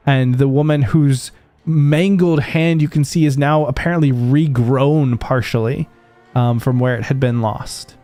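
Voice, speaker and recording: A man running a tabletop game as game master, narrating in a relaxed way with many pauses and fillers. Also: medium pitch, dry recording. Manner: relaxed, many ums and kind-ofs.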